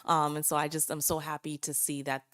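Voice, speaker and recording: A woman in her forties speaks with a low voice during a school board meeting. She is chatty and fills her remarks with "um" and asides. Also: flat delivery, a little fast, a bit bright. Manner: chatty, many fillers and asides. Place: district board meeting room.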